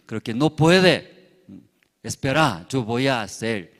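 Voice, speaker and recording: A man voicing a boastful, proud cloud that turns angry, with louder, higher lines, in a reverberant hall. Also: expressive, slow pace.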